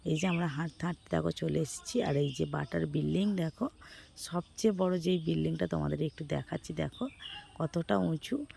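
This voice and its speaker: A hoarse woman from West Bengal narrating her casual vlog outdoors, chatting with viewers as friends. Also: low voice, moderate pace, mellow. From West Bengal, India. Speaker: vlogger.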